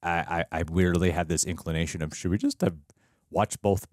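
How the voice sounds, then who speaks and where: A man's voice: sits low, steady tone, a little fast, darkish tone, no room sound, studio quality. A young man co-hosting a reaction show, casually chatting with crude jokes and laughter. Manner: joking, crude banter with laughter. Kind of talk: casual chat.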